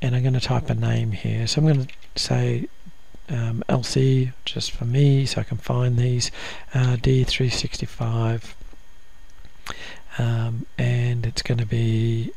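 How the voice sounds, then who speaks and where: A man talks through a software setup one step at a time, his voice gravelly with a flat, level pitch. He hesitates often with ums and uhs, in the unhurried way of a screen-recorded lesson. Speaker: software instructor.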